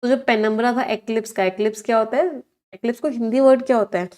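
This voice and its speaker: In an online exam-prep lesson, a woman teaches English vocabulary, explaining words in Hindi mixed with English and asking her students questions. She speaks quickly, in a fairly high, slightly mellow voice.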